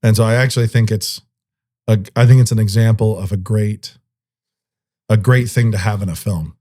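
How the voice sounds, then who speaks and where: A man co-hosts a podcast in loose, casual conversation. He rambles and laughs easily, with a lowish, mellow voice. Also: fairly even intonation, moderate pace. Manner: rambling, laughs often, chatty. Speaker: podcast co-host. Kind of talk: casual chat.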